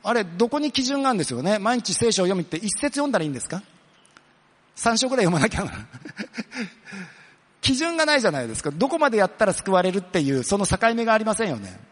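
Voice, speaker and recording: A man's voice: high voice, sing-song, fairly bright tone, long reverb tail. A man preaching a sermon as pastor, earnest, asking the congregation questions and answering them himself. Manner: earnest, questions the listeners then answers, slows down for emphasis.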